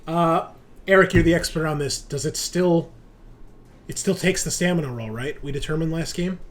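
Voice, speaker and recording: This man's voice sits on the high side and moves at a normal pace while he serves as game master, describing the action and deciding dice rolls. Background music accompanies him.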